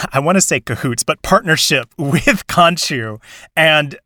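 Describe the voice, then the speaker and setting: A man's voice: on the high side, animated, measured pace, pushed and bright, no echo, studio quality. A man hosting a casual podcast discussion, talking enthusiastically in rambling bursts with frequent restarts. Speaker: podcast host.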